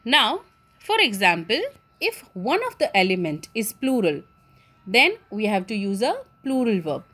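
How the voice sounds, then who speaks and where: A woman's voice: mid-range voice, big pitch swings, a little slow, a bit bright. A woman teacher with an Indian English accent explaining a grammar lesson step by step, often asking and answering her own questions.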